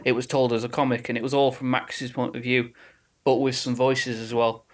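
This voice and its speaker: A man talking casually with friends about a film adaptation. He speaks at a middling pitch and keeps restarting his sentences as he goes. Now and then he quotes a line in a dry, put-on voice. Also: level tone, a little fast. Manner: chatty, restarts often, quotes lines in dry put-on tones. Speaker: podcast co-host. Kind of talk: casual chat.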